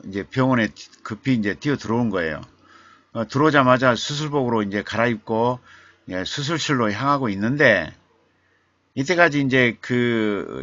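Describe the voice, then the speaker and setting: A man hosting a live-streamed literature talk, telling a story in an unhurried way with many fillers and rhetorical questions. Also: medium pitch, sharp tone, no echo. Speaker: literature talk show host. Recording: dull lo-fi streaming mic.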